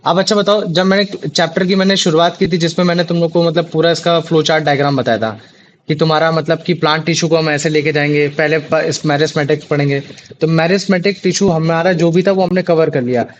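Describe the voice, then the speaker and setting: Young male tutor, high-pitched and chatty, on a muffled video call. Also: steady tone, fast talker, slight background noise. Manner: chatty, repeats checking questions. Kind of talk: online class teaching. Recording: dull lo-fi online call audio.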